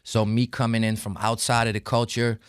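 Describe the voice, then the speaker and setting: A man's voice: medium pitch, level tone, a little fast, smooth, dry recording, studio quality. A young man from the Netherlands, a rapper chatting casually in an interview with a laid-back manner. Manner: laid-back, lots of "you know what I'm saying". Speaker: rapper, guest.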